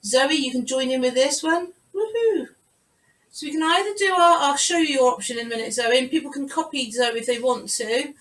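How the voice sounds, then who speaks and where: A Pilates instructor leads a live online class from a room at home, cheering her students on and counting reps aloud. Her voice sits high and sounds fairly bright, moving at a fairly quick clip with hardly any pauses. The video-call audio comes across roomy and distant.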